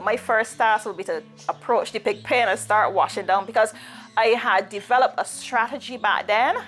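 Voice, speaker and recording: A woman's voice: mid-range voice, a bit bright. Reflective Barbadian woman telling her story. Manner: reflective, unhurried, with pauses and fillers. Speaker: guest. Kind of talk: personal life story.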